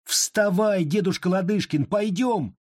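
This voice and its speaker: A man voicing a young boy who talks rudely and sharply, shouting and scolding. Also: high-pitched, unhurried, dry recording, clean studio sound, voice pushed up. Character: rude, irritable young boy.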